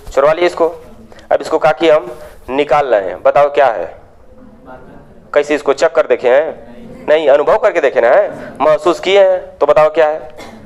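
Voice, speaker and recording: Call-and-response chemistry teacher. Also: male voice. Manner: call-and-response questioning, drops low to answer himself. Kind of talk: classroom lecture.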